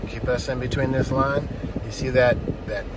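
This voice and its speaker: A man with a mid-pitched voice gives a driving lesson as the instructor. He speaks in short, directive commands and repeats them. The recording has clear vehicle noise around him. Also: steady tone, normal speed. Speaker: driving instructor, teaching a learner. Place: inside a parked or slowly moving van. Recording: noisy inside a vehicle.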